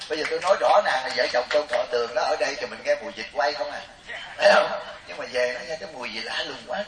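Fast-talking preacher. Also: male voice, mid-range voice, fairly bright tone. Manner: storytelling, chatty, keeps asking the audience questions. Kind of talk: humorous Buddhist sermon to a gathering. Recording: roomy, distant mic.

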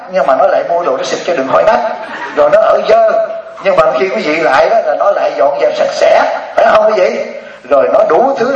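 A man giving a humorous Buddhist dharma talk to an audience, laughing often and asking them questions. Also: sits high. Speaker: Buddhist monk teacher. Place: hall before an audience. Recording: echoey distant lo-fi hall recording.

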